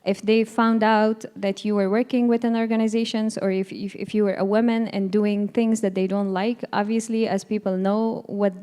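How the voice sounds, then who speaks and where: Young woman in her 20s, panel speaker; smooth, warm tone, earnest and hesitant with lots of ums. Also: medium pitch, level tone, moderate pace, few pauses. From Afghanistan. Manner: earnest, hesitant, frequent fillers and restarts. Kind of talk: personal testimony at a panel event.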